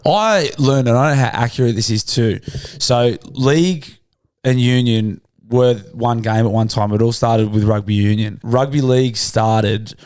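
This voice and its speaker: An Australian man hosts a casual podcast chat in a dry, close recording. He talks bluntly, with heavy swearing and slang, in a medium-pitched voice. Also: moderate pace, darkish tone, clean tone, no echo. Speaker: podcast host.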